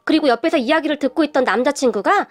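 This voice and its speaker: A woman's voice: high-pitched, very fast. A young woman telling a first-person story in the style of a narrated radio story. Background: soft background music.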